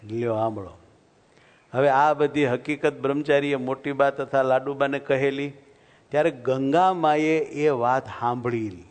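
A male preacher telling a devotional story in a sermon, animated and asking his listeners questions. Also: mid-range voice, a little slow. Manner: animated, acts out characters, asks listeners questions. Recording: long hall reverb.

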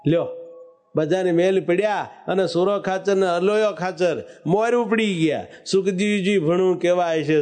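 A man's voice: high voice, darkish tone. A man preaching a devotional sermon, telling a story and breaking into sung verses. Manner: storytelling, bursts into sung verses, calls out lines.

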